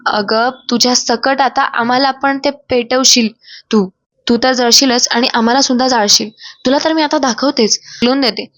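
A woman's voice: a little high, steady tone, moderate pace, a bit bright, no room sound, lightly acted. A woman voicing a distraught middle-aged mother who pleads tearfully and scolds shrilly, in a retold TV drama. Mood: scolding.

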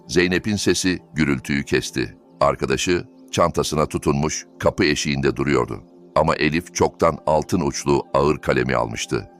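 A man reading a dramatic family story as narrator, in an even storytelling manner. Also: extremely low pitch. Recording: faint background music.

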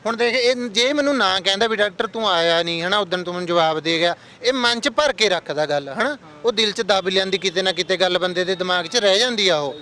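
Bright-voiced Punjabi man on the street. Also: sits high, brisk, few pauses. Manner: earnest, explanatory, addresses friends as brother. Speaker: interviewee. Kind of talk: casual street chat. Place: outdoors on a street.

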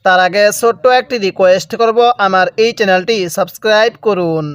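A man teaching Quran reading, slowly drawing out example words and then explaining the rules. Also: sits high, steady tone, a bit bright, smooth, no echo, clean studio sound. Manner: slow drawn-out recitation of example words, then brisk explanation. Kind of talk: recitation lesson, spelling out words.

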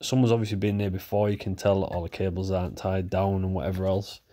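A man hosting a repair video talks fast in a low-pitched voice, stuffy and nasal from a cold. Relaxed and chatty, he walks through the repair while working with his hands.

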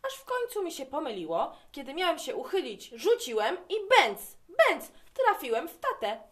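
A woman reading a children's story aloud to young listeners, with an expressive, animated delivery. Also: sits high, normal speed.

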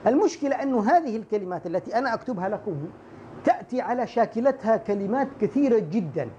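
A man teaching English pronunciation, saying each word slowly and more than once and speaking straight to the viewer. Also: extremely high pitch, darkish tone, lo-fi sound, slight background noise. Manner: drills words slowly and repeats them, talking straight to the viewer. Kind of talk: pronunciation lesson for Arabic speakers.

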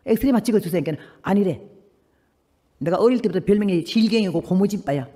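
An older woman missionary preaching her testimony in animated storytelling, acting out the voices of the people in it. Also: medium pitch, a little fast. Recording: long reverb of a large hall.

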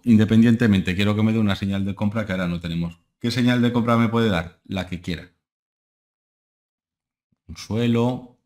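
Low-voiced young man rambling through charts. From Spain. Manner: rambling, full of filler tags like ¿eh? and ¿vale?. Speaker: stock market analyst and channel host. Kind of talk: casual screen-share market analysis. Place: home room, indoors.

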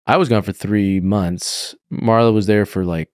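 A man's voice: on the low side, fairly even intonation, unhurried, darkish tone, no echo. Dry-humored man in a podcast studio. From California. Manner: dry, thoughtful, frequent restarts. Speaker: guest film director. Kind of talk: casual interview. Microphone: studio mic on boom arm.

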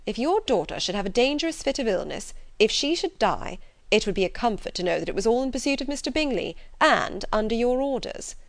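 Woman as middle-aged gentleman father, sardonic, formal, measured irony, audiobook character, dry studio sound. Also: on the high side, sing-song, gravelly, no echo, pitched above the performer's own voice. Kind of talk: classic novel audiobook character.

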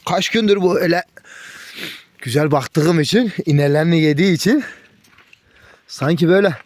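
A man's voice: on the high side, normal speed, no room sound. A man chatting casually outdoors in the snow, talking affectionately to his puppies and the camera. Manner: affectionate baby-talk to puppies. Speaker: dog breeder vlogger. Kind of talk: casual chat with animals.

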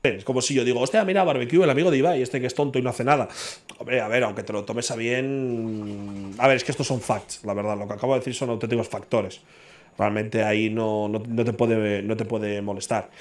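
A man's voice: medium pitch, steady tone, a little fast. A man from in casual chat who talks bluntly, swears freely and argues his point over and over.

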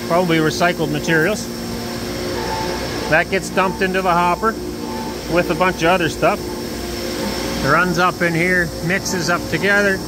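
A man's voice: high voice, fairly even intonation, unhurried, pauses often. A man in his thirties giving a casual, chatty factory tour on a handheld camera, thinking aloud as he goes. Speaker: vlogger. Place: large factory floor with running machines. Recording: loud factory machinery noise. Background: loud machinery noise.

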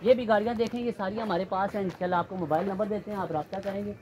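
A man, walking a used-car lot and pitching cars in a steady, repetitive salesman patter. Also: rapid-fire. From Pakistan. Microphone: handheld phone camera. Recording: noisy outdoor lot.

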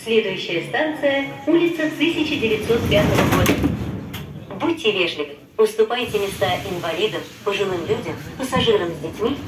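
A woman making a formal, pre-recorded metro announcement, played over the train's intercom loudspeaker. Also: lively intonation, fairly quick, long pauses. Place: inside a moving metro car. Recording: echoey loudspeaker voice from far off, loud train rumble.

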